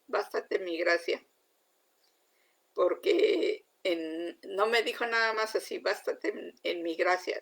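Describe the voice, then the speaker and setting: A woman's voice: mid-range voice, vocal fry. A woman preaching an informal sermon, telling her own testimony earnestly and emotionally, often checking in with listeners.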